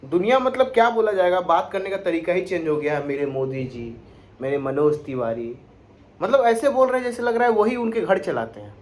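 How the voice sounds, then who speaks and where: A man's voice: high voice, expressive, fast, few pauses. A young man from Bihar, delivering an indignant, sarcastic political rant full of rhetorical questions. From Bihar, India. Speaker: political commentator vlogger.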